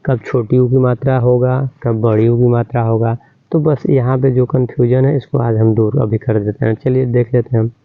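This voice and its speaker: A man's voice: medium pitch, vocal fry, dry recording. A man teaching children to spell names, drawing out each syllable and often checking that they understood. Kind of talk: slow, spelled-out lesson. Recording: tinny phone-like sound.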